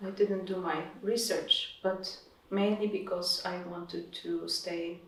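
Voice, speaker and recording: Slow-spoken woman, distant and echoey. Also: on the low side, fairly even intonation, fairly bright tone. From Poland. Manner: measured, searching for words. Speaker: visiting artist. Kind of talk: reflective conversation. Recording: echoey room, distant mic.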